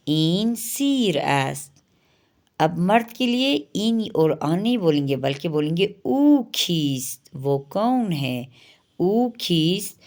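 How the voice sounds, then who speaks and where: A middle-aged woman teaches Persian vocabulary, and her voice sits low. She explains quickly, then says each new word slowly and clearly. Her practice questions come out higher and louder. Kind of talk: language lesson.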